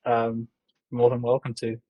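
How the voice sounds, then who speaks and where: Calm man founder explaining his product. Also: medium pitch, lo-fi sound. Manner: measured, explaining with many filler ums and uhs. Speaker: company founder. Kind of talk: casual video interview.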